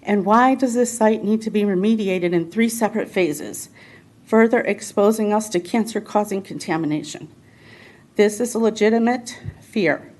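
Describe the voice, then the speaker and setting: A woman's voice: medium pitch, a little mellow. A woman giving public comment at a city council meeting, reading a prepared statement in an earnest, pleading way.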